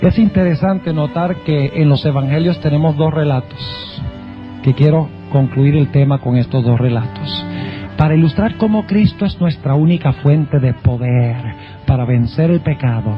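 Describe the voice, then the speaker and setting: A man preaching a sermon as pastor, dramatic and emphatic, slowing down to stress key words. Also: fairly high pitch. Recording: dull lo-fi sound with faint music.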